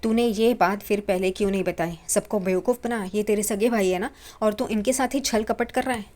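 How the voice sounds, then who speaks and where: A woman's voice: mid-range voice, fairly quick, a little mellow, natural voice. A woman voicing a stern, angry middle-aged father who scolds and demands answers while retelling a family drama. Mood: furious.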